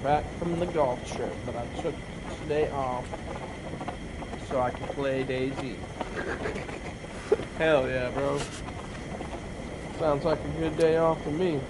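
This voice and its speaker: A man's voice: fairly high pitch, fairly even intonation, unhurried, long pauses, very noisy. A man streaming a survival game, chatting casually with viewers, swearing freely as he plays. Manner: laid-back, swears freely, greets and answers chat viewers. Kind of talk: casual live-stream chat while playing. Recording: loud game sound under the voice.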